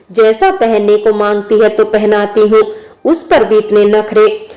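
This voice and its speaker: A gruff, hard-nosed middle-aged brothel madam, read by a woman narrator scolds her girls in a flat, level tone that rarely rises or falls. It is spoken as a storybook reading. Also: mid-range voice, lightly acted. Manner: scolding, harsh.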